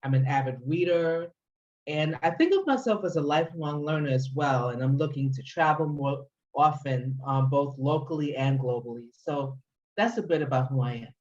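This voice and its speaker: A woman's voice: low-pitched, moderate pace, a little mellow, lo-fi sound. A woman from the Bronx, New York, a guest poet answering interview questions, thoughtful and a little hesitant.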